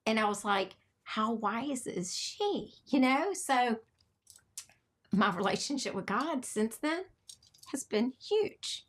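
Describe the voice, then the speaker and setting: A woman's voice: fairly high pitch, slow, pauses often. A middle-aged woman, hosting a podcast and telling an emotional story. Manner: animated storyteller, emotional and laughing. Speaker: podcast host. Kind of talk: casual heartfelt chat.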